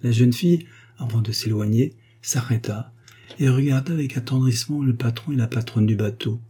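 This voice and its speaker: Husky, dark-voiced male narrator. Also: mid-range voice, fairly quick. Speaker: audiobook narrator. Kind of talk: reading a 19th-century novel aloud.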